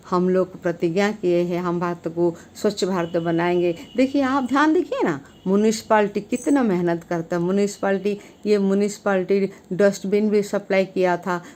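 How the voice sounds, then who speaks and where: On her own channel, a woman talks earnestly to the camera about civic duty. Her delivery is emphatic, often climbing in pitch and volume, and she stumbles between phrases with fillers and restarts.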